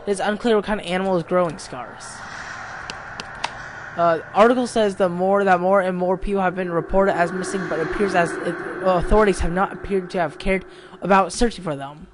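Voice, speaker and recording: Jumpy and easily startled, a young commentator yelps and swears his way through a horror game while reading its text aloud. He speaks briskly in a high voice over a noisy background.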